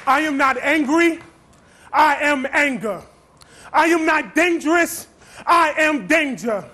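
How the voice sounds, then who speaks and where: A man performing spoken word poetry in a fierce, rhythmic delivery that often rises to shouting. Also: very high-pitched, animated, slow pace, some chatter behind.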